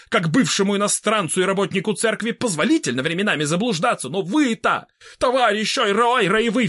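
A man voicing a pompous middle-aged scientist who preaches in slow, slogan-filled phrases. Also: very high voice, fairly bright tone, exaggerated voice. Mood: rousing. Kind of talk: audiobook character reading.

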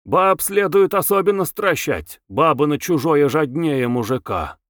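Audiobook: male reader as a preachy, servile middle-aged man, raised lively voice, dry sound. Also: on the high side, measured pace, no room sound. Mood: lecturing. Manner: lecturing, fawning. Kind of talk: audiobook character voice.

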